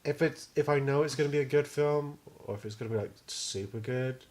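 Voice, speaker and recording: Fairly quick and medium-pitched, with a darkish tone, this young British podcast co-host talks casually, rambling and swearing freely.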